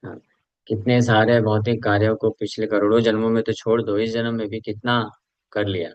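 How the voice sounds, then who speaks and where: Low-voiced man giving a scripture talk. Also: level tone, moderate pace, no echo, muffled recording. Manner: conversational, questioning, mixes Hindi and English. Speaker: preacher. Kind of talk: Hindi scripture class mixed with English.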